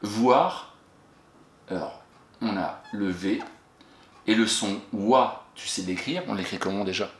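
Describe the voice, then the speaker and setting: A man teaching a young child, spelling words slowly letter by letter and warmly praising answers he pretends to hear. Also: fairly low pitch. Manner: encouraging, talks to an absent pupil and pauses for answers. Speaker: primary school teacher. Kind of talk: recorded spelling lesson for a child. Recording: echoey room with faint noise.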